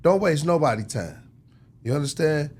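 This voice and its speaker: His voice is on the high side, husky and darkish, animated and at normal speed. As an interview guest, this American music industry executive dispenses casual, emphatic, preachy advice, frequently checking understanding with tag questions.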